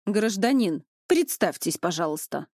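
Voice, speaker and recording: A woman's voice: mid-range voice, animated, unhurried, a little mellow, dry recording, studio quality. Woman as a stern young police officer. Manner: firm, clipped, commanding.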